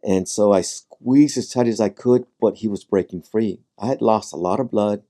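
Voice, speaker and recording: A man, a former highway patrol sergeant, tells a personal story as a podcast guest, in a dramatic, measured way that voices his own past thoughts. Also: mellow.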